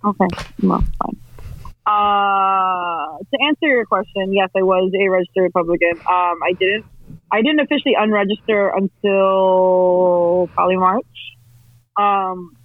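A woman's voice: medium pitch, normal speed, dry recording. A woman on a conference call whose audio breaks up, talking candidly, swearing casually and poking fun at herself. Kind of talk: casual discussion. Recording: tinny call line, dry.

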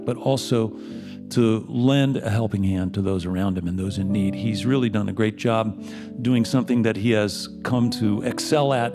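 A man hosting a live show, speaking from the stage in a conversational podium speech to introduce a guest, phrasing things haltingly. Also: lowish voice. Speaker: host of a live music and community radio show.

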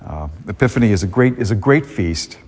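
A man's voice: on the low side, animated, brisk, a little mellow, slightly rough. A man, a priest, reads the gospel and then preaches in a conversational way, often restarting his sentences, with a cathedral-like echo around him. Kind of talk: gospel reading and homily. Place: church. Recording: long church reverb.

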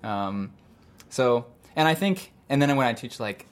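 A man's voice: medium pitch, expressive, a little slow. Music teacher guy, medium voice, laid back, agreeing a lot. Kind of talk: casual conversation.

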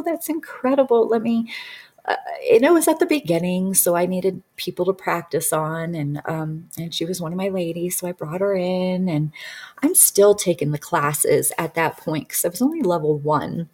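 A woman's voice: on the low side, normal speed, darkish tone, breathy edge. A woman in her thirties, a healing practitioner, telling a personal story in a casual, rambling way with many fillers and restarts. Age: 30s.

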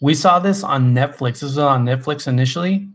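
A man co-hosting a podcast in casual chat, relaxed and enthusiastic, with lots of fillers and restarts. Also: mid-range voice, fairly quick. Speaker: podcast co-host.

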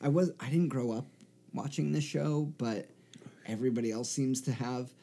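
A man co-hosting a podcast, chatting casually and easily, laughing often and pausing on fillers. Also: medium pitch, fairly even intonation, vocal fry, dark tone. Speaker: podcast co-host. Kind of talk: casual chat.

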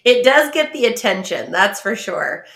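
A chatty woman in her forties from the Midwest co-hosts a casual talk, rambling and laughing often. Her voice is bright, and the sound bounces around a roomy, echoey space. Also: on the high side, expressive, normal speed. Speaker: podcast co-host. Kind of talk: casual chat.

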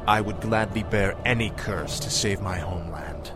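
An actor playing a proud, vengeful young warrior prince in a fantasy video game, commanding and intense. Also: male voice, low-pitched, normal speed, lightly acted. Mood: grim resolve. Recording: music behind the voice.

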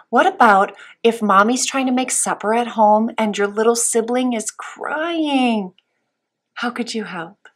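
Sweet, patient woman teaching Sunday school, unhurried. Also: mid-range voice, breathy edge. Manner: sweet, patient, simple questions with pauses. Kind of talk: Bible lesson for young children.

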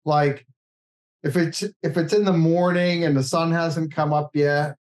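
A man's voice: a little high, fairly even intonation, measured pace, a little mellow. A man hosting a podcast interview, asking questions in a casual, chatty way. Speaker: podcast host.

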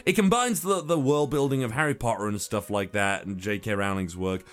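A man's voice: on the low side, a little fast, faint music behind. A man co-hosting a podcast, chatting casually and animatedly, swearing often and laughing. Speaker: podcast co-host.

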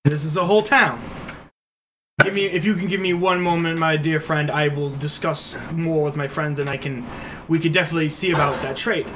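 A man's voice: a little high, fairly even intonation, a little fast, background noise. A man chatting casually as a player in a tabletop role-playing game.

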